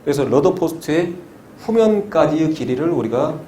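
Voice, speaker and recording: A man's voice: on the high side, animated, moderate pace, warm tone. A man teaching an exam prep class, who keeps asking his students questions and repeats the key terms to drill them. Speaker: maritime exam instructor. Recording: echoey room with faint noise.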